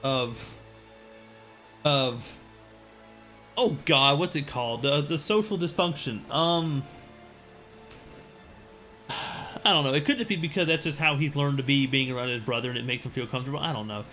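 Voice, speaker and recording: A man's voice: mid-range voice, moderate pace, long pauses, pushed and bright, soft background music. A man streaming a game and chatting casually, rambling with frequent restarts. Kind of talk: casual chat while gaming.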